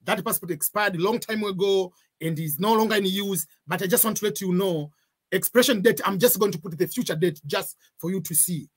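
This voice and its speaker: A man's voice: sits high, brisk, husky. Man giving a patient tutorial. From Tanzania. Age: 40s. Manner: repeats points, gives examples, cautionary tone. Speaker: online tutor. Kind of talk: screen-share tutorial.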